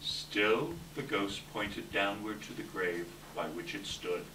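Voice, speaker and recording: A man narrating a scripted story dramatically, with measured, expressive delivery. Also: fairly low pitch. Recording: distant echoey hall, clear background noise.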